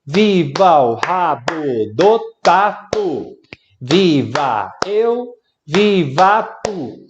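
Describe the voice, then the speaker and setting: A man's voice: on the high side, lo-fi sound. A man teaching an online lesson, explaining activities and chanting a rhyme while clapping along. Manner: lively and animated, chanting rhymes slowly between explanations.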